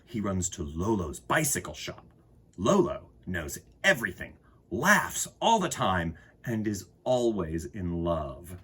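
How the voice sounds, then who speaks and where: Reading and chatting for a children's story time, a man speaks straight to his young audience with great enthusiasm. His low, slightly rough voice is very animated and a bit bright, and he goes slowly.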